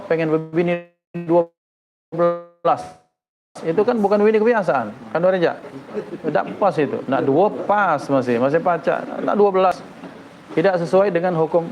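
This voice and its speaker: A man's voice: fairly high pitch, a little hiss or hum. Folksy Palembang preacher man, joking, lo-fi. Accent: Palembang Malay. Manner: joking, folksy, animated asides. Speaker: religious teacher. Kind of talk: informal religious lecture. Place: weekly study gathering room.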